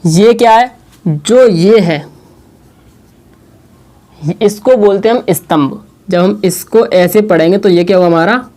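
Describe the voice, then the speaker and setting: A man's voice: high-pitched, mellow. Man teaching, quizzing and answering himself. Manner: asks questions and answers them himself; slow, repetitive explaining. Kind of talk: classroom lesson at a board.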